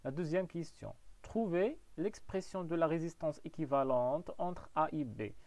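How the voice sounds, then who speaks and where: A man teaches physics, walking through each step and leaning on "donc" and "voilà". His voice sits a little high for a man. It is recorded dry and close, with almost no room sound. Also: moderate pace, darkish tone, dry recording. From Morocco. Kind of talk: classroom lesson.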